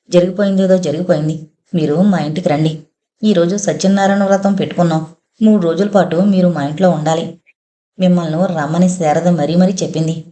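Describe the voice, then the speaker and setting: A woman's voice: fairly low pitch, warm tone, natural voice. A woman voicing a humble young man who pleads deferentially with his sister's husband, in a storybook reading.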